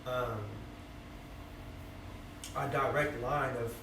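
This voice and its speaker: A man's voice: mid-range voice, fairly even intonation, very slow. A man in his twenties with a Bay Area accent, a rapper guest talking loosely and reflectively, full of fillers. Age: 20s. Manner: loose, reflective, many fillers and "you feel me". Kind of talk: casual interview chat. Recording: echoey room, distant mic, noisy.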